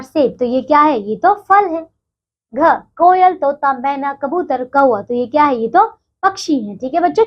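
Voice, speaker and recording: A woman's voice: high-pitched, dull audio. A woman teacher explaining a textbook chapter to young children, checking in with them again and again as she goes. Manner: addresses children, repeats "ठीक है बच्चों" often.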